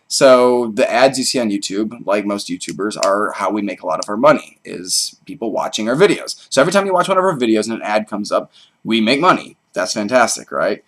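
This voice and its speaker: A man co-hosting a casual live stream, talking in an animated, jokey and excitable way. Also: fairly low pitch, a little fast. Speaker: co-host of a musical comedy channel.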